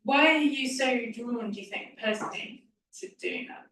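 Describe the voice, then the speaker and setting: A woman's voice: high-pitched, normal speed, fairly bright tone, slight background noise. A woman introducing a guest and hosting an onstage interview at a university event, with frequent ums. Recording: echoey hall from far off.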